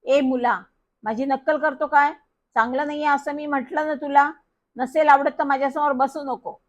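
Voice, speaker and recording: A woman's voice: fairly high pitch, measured pace, fairly bright tone. A woman voicing a kindly middle-aged male author who stammers on the first syllable of his words, in a slightly dull recording. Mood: angry.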